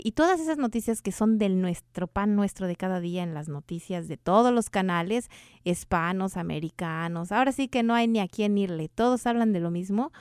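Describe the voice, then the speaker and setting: A woman's voice: medium pitch, a little mellow, clean tone, dry recording, studio quality. A woman hosting a radio show on energy healing, talking earnestly and putting questions to the listener in a preachy way. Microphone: studio microphone.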